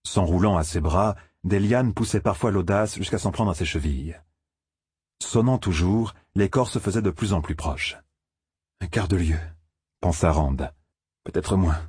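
An audiobook narrator, male, reads a novel aloud as scripted narration in a steady, measured style. His voice is low and a bit husky, and the recording is close and dry with no room sound.

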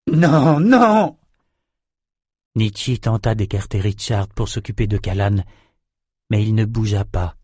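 A man reading an audiobook chapter as narrator, measured storytelling. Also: on the low side, dark tone, no echo, studio quality. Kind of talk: scripted narration.

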